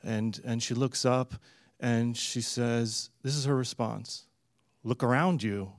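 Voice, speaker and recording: A man preaching in a loose, conversational storytelling manner, pausing often and filling gaps with ums. His voice sits at an ordinary middle pitch. The sound is dry and close, with no room echo. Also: little pitch movement. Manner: storytelling, conversational with fillers and pauses. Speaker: pastor. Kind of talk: sermon.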